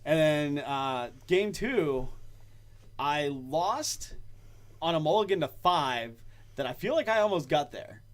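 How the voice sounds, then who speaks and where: A man's voice: fairly high pitch, animated, takes it slowly. A man hosting a casual podcast, telling stories with frequent laughter. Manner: storytelling, laughs often. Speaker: podcast host. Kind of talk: casual chat.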